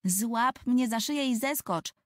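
A woman's voice: a little high, a little slow, no room sound, voice pushed up, close to an everyday voice. Woman playing a bossy little girl. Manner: commanding, scolding.

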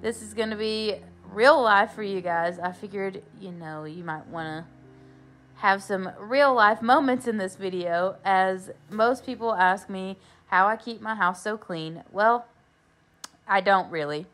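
A woman's voice: medium pitch, measured pace, fairly bright tone. A woman in her thirties, a mother, chatting casually and encouragingly as she narrates her cleaning routine, with frequent "um"s. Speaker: cleaning vlogger, mom.

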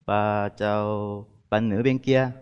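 A Korean man in his thirties speaking polite, halting Vietnamese with a Korean accent as he answers questions on a dating show. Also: lowish voice, steady tone, a little mellow, clean tone, big-room sound, highs cut off. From South Korea. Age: 30s. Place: TV studio stage. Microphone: headset.

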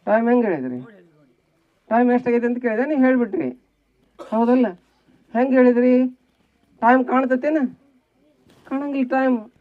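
North karnataka man, devotional storytelling for kids, high voice, dry sound, keeps quizzing the crowd. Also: moderate pace, long pauses, dry recording, phone-quality sound. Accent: North Karnataka Kannada. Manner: keeps asking the audience questions. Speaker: speaker at a children's devotional program.

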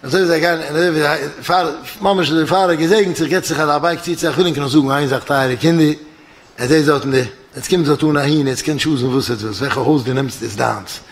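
A man giving a religious lecture as a yeshiva lecturer, telling a story and acting out its dialogue with lively restarts. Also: fairly high pitch, brisk. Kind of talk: religious lecture told as a parable.

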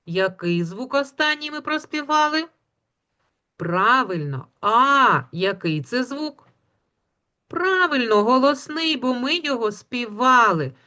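Woman teacher, talks real slow for small kids, stretches sounds out, lots of praise. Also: high voice, sing-song, sharp tone. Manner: slow, patient, drawing out sounds, praising often. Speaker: kindergarten teacher. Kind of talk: phonics lesson for young children.

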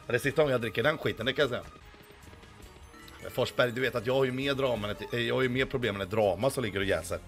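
Hoarse male streamer, crude boastful banter, faint music under him. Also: medium pitch, a bit bright. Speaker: livestreamer. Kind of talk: casual livestream chat, reading chat.

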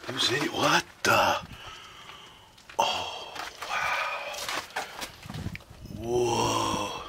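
A man giving casual running commentary while exploring, with excited exclamations that drop to a hush in tight spots, recorded outdoors on a handheld camera. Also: lowish voice, very slow, gravelly. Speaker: vlogger exploring a canyon. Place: outdoors in rock canyons and caves. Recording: outdoor noise on camera mic.

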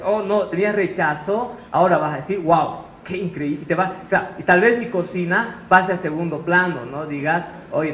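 Bolivian chef, male, chatty conference speaker, fairly high voice, roomy muffled recording. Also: a bit bright. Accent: Bolivian Spanish. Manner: chatty storytelling, tag questions. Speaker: chef giving a talk. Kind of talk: conference talk. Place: conference room. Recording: roomy hall, muffled sound, faint noise.

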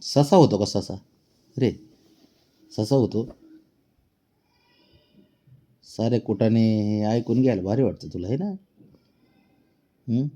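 A man's voice: fairly low pitch, slow, pauses often, mellow. Man playfully scolding his pet cat. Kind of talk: casual talk to a pet, teasing.

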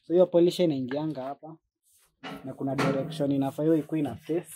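A man's voice: a little high, steady tone, fast talker, background noise. A man with a Kenyan accent chatting and demonstrating products in an informal, slangy way, switching between languages. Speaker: content creator and machine seller. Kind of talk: casual chat and product demonstration.

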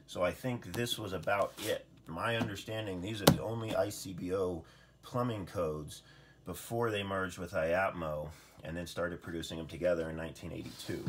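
A man's voice: low-pitched, slight background noise. A man giving an impromptu, casual show-and-tell at a table, thinking aloud with fillers as he goes. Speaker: code educator showing his book collection. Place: indoors at a wooden table.

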